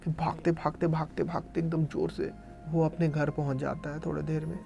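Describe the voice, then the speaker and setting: A man's voice: fairly high pitch, little pitch movement, brisk, vocal fry, warm tone, lo-fi sound, faint music behind. A man casually retelling a horror story in spoken style, acting out the cries of the people in it as he goes. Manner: retells events in present tense, dramatizing quoted cries.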